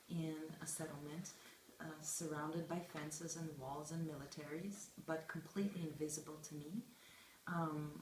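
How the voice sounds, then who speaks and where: Young woman, low pitch, reflective interviewee, pausing as she thinks; echoey room. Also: darkish tone. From Israel, of Russian immigrant background. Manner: thoughtful, deliberate, pausing mid-phrase. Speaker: interviewed journalist and film student. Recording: echoey room with faint background noise.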